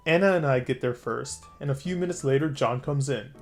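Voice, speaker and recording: An easygoing man narrates an online story in a relaxed, chatty voice at a middle pitch. Faint music plays under his voice. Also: a little fast. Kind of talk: reading an online story aloud.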